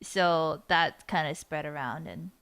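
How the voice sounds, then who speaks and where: A young woman streamer telling a story animatedly, laughing and swinging between hushed whispers and squeals. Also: deep voice, unhurried, gravelly, clear, resonant tone. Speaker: vtuber streamer.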